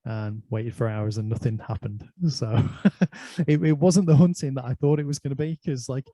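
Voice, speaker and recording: A man's voice: medium pitch, normal speed, dark tone, no room sound. An Irish man hosting a casual conversation, chatty and anecdotal, telling stories from his life. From Ireland. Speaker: host.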